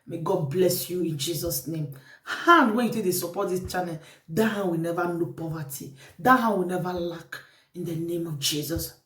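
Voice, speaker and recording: A woman's voice: fairly low pitch, moderate pace, a bit bright. Echoey Nigerian Pidgin woman vlogger. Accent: Nigerian Pidgin English. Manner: repetitive, exhorting, preachy. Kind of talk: casual advice monologue to viewers. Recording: echoey room, mic at a distance.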